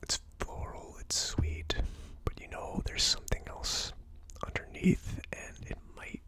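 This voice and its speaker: In an ASMR whisper, a whiskey tasting host speaks in an unhurried, slightly bright way. There's a hesitant, reflective quality to how each thought comes out.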